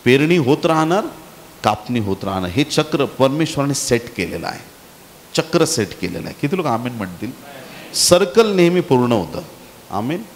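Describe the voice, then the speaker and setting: A man's voice: mid-range voice, big pitch swings, normal speed. A man preaching a sermon as pastor, telling stories with animation and calling on the congregation for amens. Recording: echoey hall with faint hiss.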